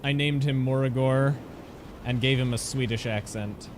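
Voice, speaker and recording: A man's voice: mid-range voice, steady tone, normal speed. A man streaming a game and chatting casually, rambling with lots of fillers and restarts. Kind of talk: casual gameplay chat. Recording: game engine noise behind voice.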